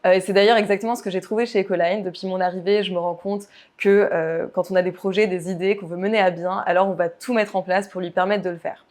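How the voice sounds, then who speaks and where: A woman's voice: fairly low pitch, fairly even intonation, fast, a little mellow. Earnest young woman lawyer explaining her job. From United States. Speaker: in-house lawyer. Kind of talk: company profile interview.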